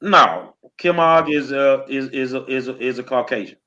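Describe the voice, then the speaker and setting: A man's voice: medium pitch, normal speed, sharp tone. A man co-hosting a political talk show, fired up, firing off rhetorical questions in blunt slang. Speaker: co-host. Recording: slightly dull, lo-fi line.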